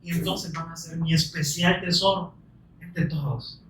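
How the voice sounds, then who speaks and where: A man with a notably high voice delivers an earnest sermon, full of rhetorical questions and scripture read slowly for weight. He sounds set back from the microphone, and the room around him rings with echo. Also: steady tone, a bit bright, slight background noise. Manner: earnest, many rhetorical questions, slow emphatic scripture quotes. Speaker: preacher. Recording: roomy echo, distant mic.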